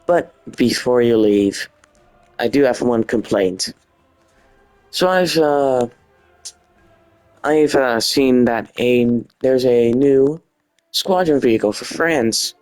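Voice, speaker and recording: Speaking slowly with a Dutch accent, a man from the Netherlands narrates a gaming video in a relaxed, informal way, leaning on short, punchy phrases. His mid-range voice has a darkish tone, and faint music plays in the background.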